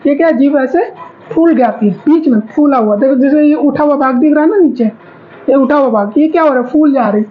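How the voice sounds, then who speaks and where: Brief: high-pitched female teacher, repetitive syllable drills, slightly muffled audio with faint background noise. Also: a little fast. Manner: drills sounds aloud, asks class to repeat. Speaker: Hindi grammar teacher. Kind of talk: classroom lesson with drilled syllables.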